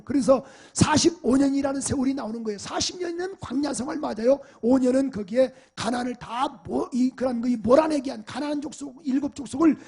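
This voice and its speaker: A man's voice: very high voice, mellow, breathy edge. A male pastor preaching a sermon with emphasis, often asking the congregation rhetorical questions. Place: church sanctuary.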